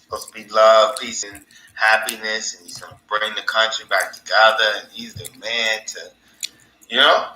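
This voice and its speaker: A man's voice: fairly low pitch, little pitch movement, moderate pace, bright, forceful tone, a little hiss or hum. A man hosting his own podcast in a casual, rambling monologue, laughing at his own stories. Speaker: podcast host. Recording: echoey room.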